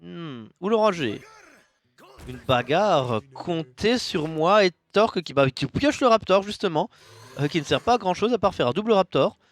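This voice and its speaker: A man giving casual, jokey commentary on a card game match, with sudden bursts of loud enthusiasm. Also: high-pitched, lively intonation, normal speed.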